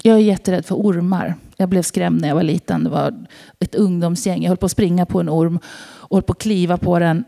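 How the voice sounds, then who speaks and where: A woman's voice: lowish voice, lively intonation, vocal fry, mellow. Swedish woman preaching in a chatty way. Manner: conversational, asks the audience questions. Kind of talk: informal sermon with personal story.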